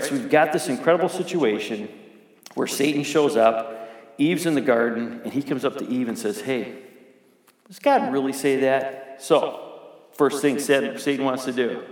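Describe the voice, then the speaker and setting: A middle-aged man preaching a sermon as pastor, talking conversationally and putting questions to the congregation. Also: mid-range voice. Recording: echoey hall with long reverb.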